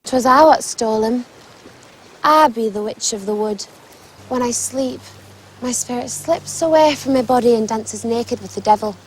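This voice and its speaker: A woman's voice: fairly high pitch, normal speed, a little hiss or hum, close to an everyday voice, poor audio. An actress playing a teenage Puritan girl who poses as a witch of the wood and speaks in mock-menacing, old-fashioned phrases in a period film drama. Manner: archaic, mock-menacing speech.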